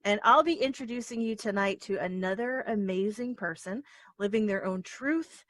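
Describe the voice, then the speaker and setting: A woman hosting an interview show, effusive and animated, often laughing. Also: mid-range voice, normal speed, no room sound. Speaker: host. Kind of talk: casual interview chat.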